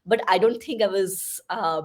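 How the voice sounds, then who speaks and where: She has a mid-range voice and a moderate pace. A young woman with an Indian English accent and Hindi as her first language, she appears as a podcast guest, thoughtfully recounting her path in a conversational interview full of fillers and asides.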